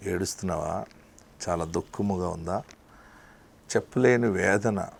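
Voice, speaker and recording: A male pastor delivering an emphatic sermon, dropping to a hush and then rising to loud declarations. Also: low-pitched, unhurried, creaky, breathy edge. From India. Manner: emphatic preaching, swinging between hushed and loud.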